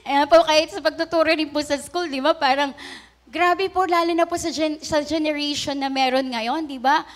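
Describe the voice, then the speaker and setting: A woman's voice: high voice, steady tone, normal speed. A woman pastor giving a casual, conversational sermon, often adding polite asides and questions to the congregation. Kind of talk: Taglish sermon.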